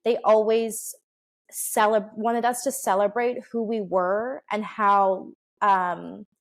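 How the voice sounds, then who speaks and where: This is a slow, steady-toned speaker with a medium-pitched voice: a twenty-something woman who grew up in the U.S., in Oregon. Appearing as a guest in a casual interview, she's bubbly and keeps dropping in laughs and filler words.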